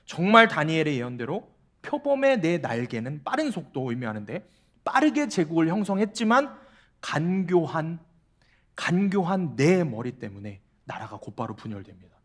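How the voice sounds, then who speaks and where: A man's voice: on the high side, sing-song, moderate pace, fairly bright tone. A male pastor giving a sermon to young adults, asking the congregation repeated questions and telling a humorous personal story. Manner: tells a humorous personal story with quoted dialogue.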